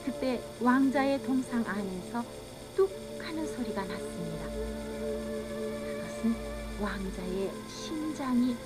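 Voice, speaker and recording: A woman reading scripted children's storybook narration in a measured, earnest manner on an old cassette. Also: a little high, expressive, poor audio. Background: music.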